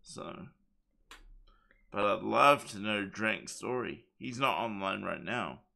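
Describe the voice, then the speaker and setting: A man's voice: fairly low pitch, expressive, slow, vocal fry, bright, forceful tone. A man co-hosting a livestream, chatting casually in an earnest, emphatic way. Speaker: livestream co-host.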